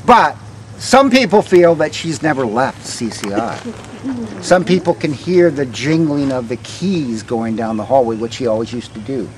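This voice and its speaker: An older man tells stories conversationally as a tour guide to a walking group, pausing hesitantly and letting line ends trail off. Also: medium pitch, lively intonation. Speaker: ghost walk guide, former vice principal. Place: outdoors on a town street. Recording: outdoor street recording with faint traffic noise.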